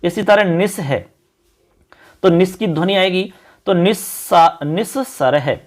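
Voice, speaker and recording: Man, teacher, fairly high voice, exam-prep lesson, repeats terms, step-by-step explaining. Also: slow pace. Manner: repetitive, explanatory, often says "look".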